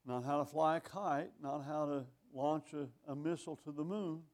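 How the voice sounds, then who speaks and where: Older preacher, wry and conversational. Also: male voice, a little high, steady tone, moderate pace, a little mellow. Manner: conversational, wry, rhetorical questions; reads scripture in older phrasing. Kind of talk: sermon.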